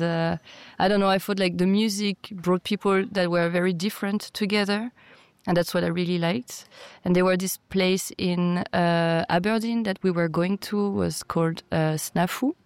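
A woman, an electronic music producer answering interview questions in a thoughtful, hesitant way with many pauses. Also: on the low side, no room sound. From France.

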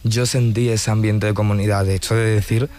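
A man's voice: lowish voice, flat delivery, a little fast, a little mellow. A man who is a poet and journalist, a guest in a radio studio, telling stories fluently and with enthusiasm. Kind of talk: radio interview.

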